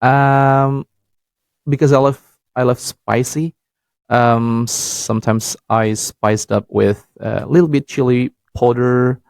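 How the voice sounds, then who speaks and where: A young man with an Indonesian accent, hosting a podcast in a halting, casual way and laughing easily. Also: medium pitch, steady tone, vocal fry, darkish tone, clear, resonant tone, no echo. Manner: hesitant, many fillers and restarts, laughs easily. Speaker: podcast host and English learner. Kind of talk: casual practice talk.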